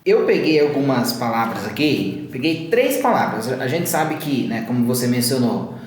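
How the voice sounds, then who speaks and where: Brief: man, Sorocaba interior accent, easygoing teacher-host, mid pitch, roomy echo. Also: normal speed, a crowd in the background. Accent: interior São Paulo (Sorocaba). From Sorocaba region, Brazil. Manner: relaxed storytelling with frequent tag questions. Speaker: English teacher co-hosting a podcast. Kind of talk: casual podcast conversation. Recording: echoey room.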